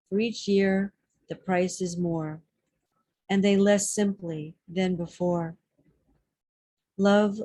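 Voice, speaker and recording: A woman giving a poetry reading at a public library, reciting in a measured, deliberate way. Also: medium pitch, warm tone, no echo. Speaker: poetry reader.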